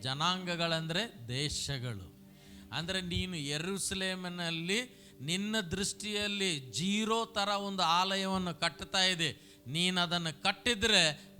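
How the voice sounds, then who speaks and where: A man's voice: high voice, sharp tone. A middle-aged pastor, preaching animatedly and having the congregation repeat his phrases. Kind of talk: sermon with call-and-response.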